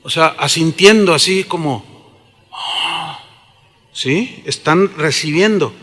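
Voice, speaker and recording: Animated Mexican pastor in a big hall. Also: male voice, fairly high pitch, a little slow. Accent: Mexican Spanish. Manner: animated storytelling, acts out voices. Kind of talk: sermon. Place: large church auditorium. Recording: long hall reverb.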